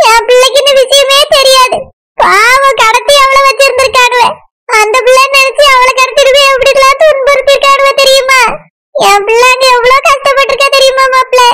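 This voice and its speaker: A woman's voice: very high voice, flat delivery, fairly quick, sharp tone. A woman voicing a desperate older mother who begs her daughter's in-laws for forgiveness in a Tamil cartoon. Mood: pleading. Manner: begs and repeats terms of respect.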